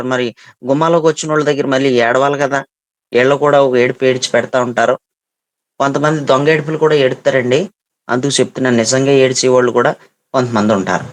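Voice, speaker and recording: A male pastor preaching with insistent emphasis. His voice sits a little high for a man, and he hammers points home with repeated phrases and rhetorical questions. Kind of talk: sermon.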